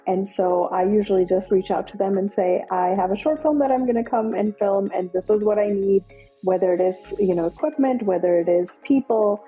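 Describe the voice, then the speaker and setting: A Nepali woman film director, speaking as a guest in a casual interview, sounds upbeat and enthusiastic and uses many fillers. Her mid-range voice is warm and husky at a moderate pace, the recording has its highs cut off, and faint music plays behind her.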